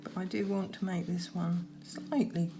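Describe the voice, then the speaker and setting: Woman, gentle painting instructor, lowish creaky voice, unscripted demonstration, trailing pauses. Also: flat delivery, music in the background. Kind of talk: unscripted painting demonstration, talking while working.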